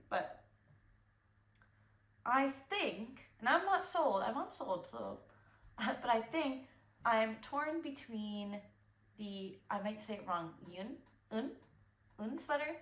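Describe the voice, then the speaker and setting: A woman's voice: fairly high pitch, a bit bright, roomy sound. A young woman hosting a knitting podcast, chatting casually and rambling with fillers and restarts. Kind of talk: casual chat.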